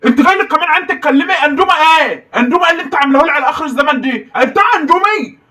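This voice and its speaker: A woman voicing a hungry, hot-tempered working husband in a comedy sketch, with an Egyptian accent, ranting and shouting complaints. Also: high voice, animated, racing, far from the mic, pitched below the performer's own voice. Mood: angry.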